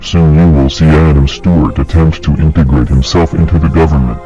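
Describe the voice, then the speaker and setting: A man with a disguised, pitched-down deep voice, delivering a grave, accusing scripted address as an anonymous narrator. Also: steady tone, fairly quick, mellow. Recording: dull lo-fi audio with faint music.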